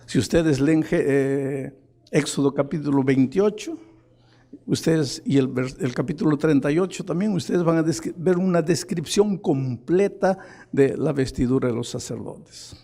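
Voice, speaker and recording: A man's voice: a little high, measured pace, dark tone. An older man from Peru preaching a sermon as a pastor, telling a story dramatically with rhetorical questions and rising emphasis.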